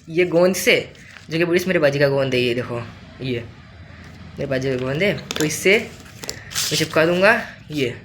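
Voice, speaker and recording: A young man vlogging casually to his phone camera, chatty, sometimes dropping to a hushed voice. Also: a little high, slight background noise, low-quality recording. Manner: chatty, repeats a filler word, drops to a hushed voice near the mosque. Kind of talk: casual vlog chat to camera. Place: outdoors and at home, walking around.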